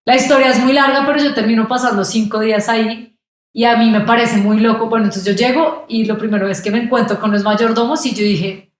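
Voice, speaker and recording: A woman's voice: fairly high pitch, brisk. A young Colombian woman, a podcast guest, telling a travel story in casual conversation and acting out the voices of people she met. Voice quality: animated, acts out quoted voices. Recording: very echoey room.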